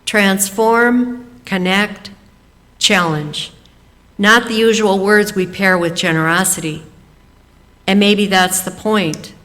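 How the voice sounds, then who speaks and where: A woman leading a service, reading a measured, scripted introduction of the speaker. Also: medium pitch, a bit bright, in a large hall. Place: fellowship hall.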